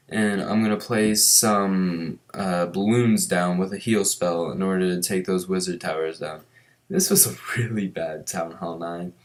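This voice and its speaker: A young man casually commenting on his strategy-game raids, chatty and relaxed as he explains each move. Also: low voice. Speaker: gaming commentator.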